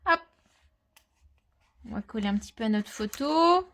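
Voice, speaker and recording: A woman with a fairly high voice talks viewers through a craft project step by step. She keeps a relaxed, chatty flow, explaining as she works and now and then muttering softly to herself. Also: normal speed. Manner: chatty, explains while working, with quiet muttered asides. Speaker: crafter presenting a scrapbooking tutorial. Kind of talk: casual step-by-step craft tutorial.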